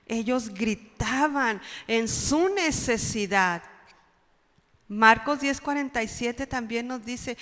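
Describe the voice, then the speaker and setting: A woman preacher gives a sermon in a church, her voice fairly high and trailing into a long hall reverb. She crics out the pleas she quotes and keeps asking her listeners questions. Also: a bit bright. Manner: dramatic cries when quoting pleas, rhetorical questions. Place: church sanctuary.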